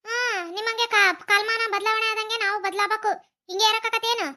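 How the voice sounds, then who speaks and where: Girji, a shrill defiant village wife, voiced by a woman. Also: little pitch movement, pushed and bright, exaggerated voice. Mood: indignant. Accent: North Karnataka Kannada. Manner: scolding, quick retorts. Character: young village wife, sharp-tongued and defiant. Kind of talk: cartoon comedy voice acting.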